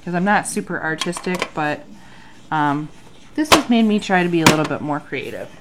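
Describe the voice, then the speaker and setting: A bullet journal vlogger in her thirties chats casually through her journal at a home desk under an overhead light, saying um a lot. A sinus infection makes her voice nasal, and it sits low, expressive, at a moderate pace. The recording is very noisy.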